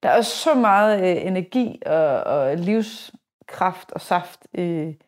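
A woman in her forties hosting a podcast, chatting casually and telling stories in a lively way with many restarts. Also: on the low side. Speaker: podcast host. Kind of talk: casual conversation.

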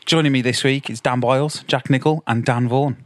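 A man's voice: mid-range voice, steady tone, brisk. Man hosting a jokey podcast. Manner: dry jokey delivery of a scripted recap. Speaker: podcast host. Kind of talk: casual chat with friends.

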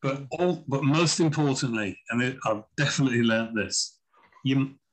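A man's voice: mid-range voice, normal speed, poor audio. A man, a guest in a casual podcast interview, telling chatty anecdotes and acting out what others said. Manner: chatty anecdotal storyteller, acts out quoted voices. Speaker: guest, chess author.

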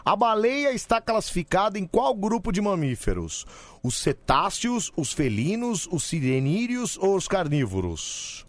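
A man's voice: sits high, sing-song, a little slow, no room sound. A Brazilian man hosting casual late-night radio, bantering playfully with exclamations and campy flourishes of slang. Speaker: radio host. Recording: music playing clearly behind voice. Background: music bed.

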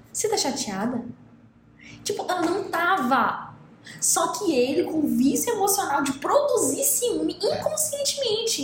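Woman, Brazilian Portuguese accent, casual chat, animated storytelling, very lively pitch, roomy echo. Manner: animated storytelling, acting out quoted dialogue. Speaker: podcast co-host. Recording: roomy echo, faint noise.

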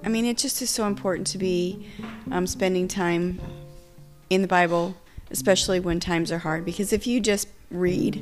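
A middle-aged woman co-hosting a devotional podcast with her husband, speaking heartfelt and emotionally, often stopping and restarting her sentences. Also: lowish voice. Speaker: podcast co-host. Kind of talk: devotional casual chat.

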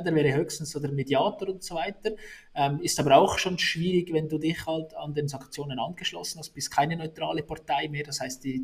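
A man's voice: on the high side, darkish tone. A man, answering interview questions in a casual way, often restarting and repeating words while he thinks. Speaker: negotiation expert guest.

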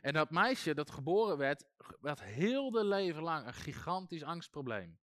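A man's voice: fairly high pitch, very animated, measured pace, a bit bright, no room sound, clean studio sound. A man teaching on deliverance in a loose, conversational way, with plenty of fillers and restarts. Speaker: deliverance preacher. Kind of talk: informal teaching talk.

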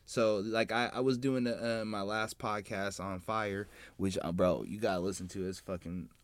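A man's voice: fairly low pitch, steady tone, moderate pace, dry recording. A man in casual podcast chat, talking in a slangy, profane, bro-ish way. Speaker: podcast host.

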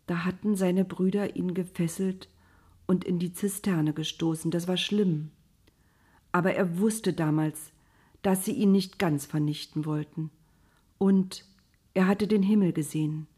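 A woman calmly narrating a storybook in a measured way. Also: on the low side, husky.

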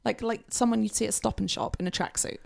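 A woman in casual chat, telling wry stories with a creaky voice. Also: fairly high pitch, fairly even intonation, quick pace, a little mellow, a little hiss or hum. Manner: chatty, wry storyteller.

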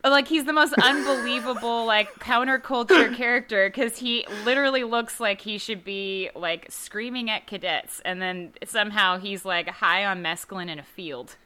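A young woman trading jokes about a film on a casual podcast, animated and quick to laugh. Her voice is bright and forceful, sitting at a middle pitch. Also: slight background noise. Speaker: podcast co-host. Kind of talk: casual movie review chat.

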